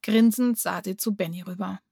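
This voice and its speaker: A woman narrating a children's audiobook in a lively storytelling manner on a close studio mic. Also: medium pitch, moderate pace, vocal fry, no room sound.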